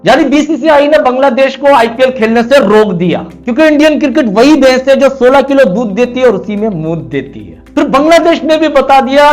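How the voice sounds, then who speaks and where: A man commentating on cricket in a sarcastic, mocking opinion monologue. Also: extremely high pitch.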